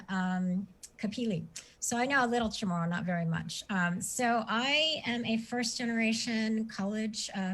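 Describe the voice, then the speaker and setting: A woman's voice: mid-range voice, poor audio. A woman with an American accent, a guest on an interview, answering conversationally with explanatory asides and self-corrections. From Guam and San Diego, United States. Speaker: guest, sociology professor. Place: remote video call. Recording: clear background noise on video call.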